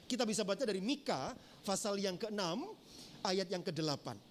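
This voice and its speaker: A male pastor, preaching a teaching sermon in a church in a measured way, pausing often with fillers. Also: high-pitched, animated, a little hiss or hum. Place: church sanctuary.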